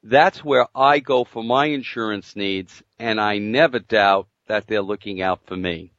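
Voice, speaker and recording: A man reading a scripted insurance spot in a deliberate, measured way, with the muffled sound of AM radio. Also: fairly low pitch, a bit bright, no echo. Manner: reads the phone number slowly and deliberately. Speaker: ad announcer.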